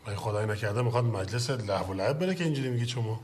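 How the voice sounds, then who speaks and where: An actor playing a pushy, quick-tempered middle-aged father who lectures and scolds, in a film drama with music underneath. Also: lowish voice, expressive, natural voice. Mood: scolding. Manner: irritable, lecturing, insistent.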